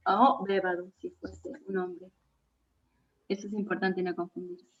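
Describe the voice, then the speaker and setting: A woman's voice: fairly low pitch, level tone, unhurried. A woman teaching Portuguese vocabulary, carefully explaining what words mean and checking in with her listeners. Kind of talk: explanatory lesson. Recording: dull lo-fi sound.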